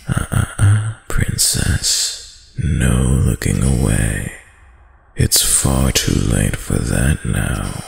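A voice actor gives a heavily acted turn as a seductive, possessive prince of dark repute in a roleplay audio drama. Speaking in an extremely deep, gravel-thick, husky and breathy voice, he draws out each word slowly and suavely with hushed, dominant control. The mood is hypnotic and commanding, the pacing deliberate.

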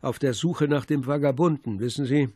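A man's voice: mid-range voice, fairly quick, dark tone, no room sound, clean studio sound, lightly acted. A man doing an easygoing old gendarme.

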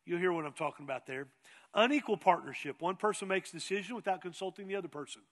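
A middle-aged pastor preaches with a fairly high voice, pressing his points hard and turning to the congregation with questions. His words ring out with a long reverb from a church sanctuary. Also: quick pace. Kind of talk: sermon.

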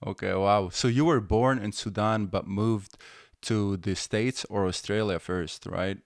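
Low-voiced young man hosting a podcast. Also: a little slow, vocal fry, dry recording, clean studio sound. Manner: friendly, curious questioning. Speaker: podcast host. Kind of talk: casual interview talk. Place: bedroom-style home studio. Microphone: studio mic with headphones.

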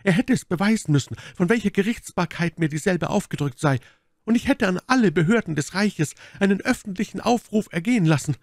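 A proud, scheming noblewoman, as a male reader puts her on speaks in a lifted, dramatic voice full of wide swings of pitch. She pleads and accuses with theatrical force. The audiobook sound is dry and close. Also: lively intonation, brisk, no echo. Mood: indignant.

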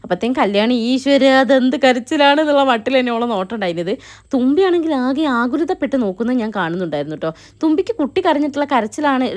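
Very fast-talking chatty young woman. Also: fairly high pitch, a little mellow. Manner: chatty, keeps adding 'you know' tags. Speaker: family vlogger. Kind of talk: vlog voice-over narration.

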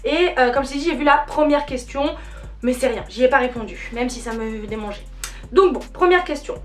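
A woman's voice: high-pitched, a little fast. A young French woman hosting a dance channel, chatting casually and playfully with lots of fillers and self-mocking jokes. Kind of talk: casual vlog chat.

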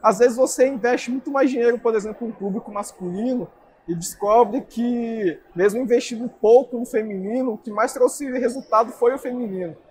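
With an extremely high-pitched voice at a normal pace, a young male guest earnestly explains marketing in interview answers. The setting is an indoor trade fair booth, with slight background noise.

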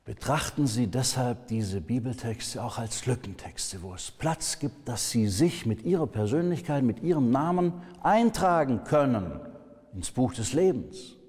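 A male pastor delivers a sermon at an unhurried pace. His voice is mellow and a little husky, and his phrases often sink into a quiet hush. The sound carries a long reverb, as in a large church hall. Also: medium pitch, expressive. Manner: slow, emphatic, dropping to soft hushed endings.

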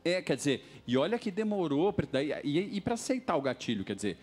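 A man on a TV talk show panel explaining a guest's experience, halting often and tagging his sentences with questions. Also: on the high side, very animated, darkish tone, slightly rough. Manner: halting, many restarts and tag questions. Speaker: studio panelist. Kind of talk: explanatory commentary. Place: TV studio.

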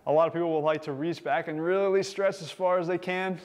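A man's voice: a little high, fairly even intonation, a little fast, a little mellow. A man leading a suspension-strap workout video, cheering on his demonstrators and viewers at home and calling out the time left. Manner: upbeat, encouraging, counting down time. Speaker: fitness instructor.

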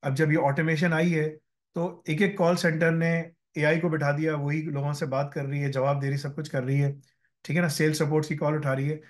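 A man with a somewhat high voice gives relaxed interview answers. He tells long anecdotes and drops English phrases into his sentences. He keeps checking in with the listener as he talks. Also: brisk. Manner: mixes English phrases into his talk, often asks "ठीक है ना". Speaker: guest speaker on careers.

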